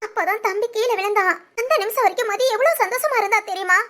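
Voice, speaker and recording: A tearful, very high-pitched young wife. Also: female voice, quick pace, fairly bright tone. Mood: upset, pleading. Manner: plaintive, complaining, voice breaking into sobs. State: crying. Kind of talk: animated family story voice acting.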